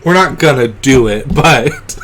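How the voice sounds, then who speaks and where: A man co-hosting a casual podcast, talking excitedly with swearing and laughter. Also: medium pitch, a little slow, slight background noise. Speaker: podcast co-host. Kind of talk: casual chat.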